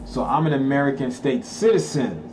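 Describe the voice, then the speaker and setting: A Haitian Creole-speaking channel host reads a document aloud in a mid-range, expressive voice with a darkish tone, at normal speed, while faint music plays behind. He breaks off for emphatic casual commentary, slangy asides, and check-ins with his listeners.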